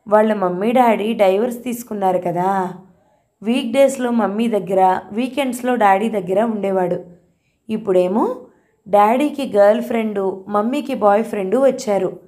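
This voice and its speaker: A young schoolboy in an audio story, earnest and close to tears as he pours his worries out to his grandmother, played by a woman reader. The voice sits higher than her own narration, childlike and a little breathless with feeling, yet keeps her mellow, dark tone underneath. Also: close to an everyday voice. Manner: childlike, mixing English words into speech.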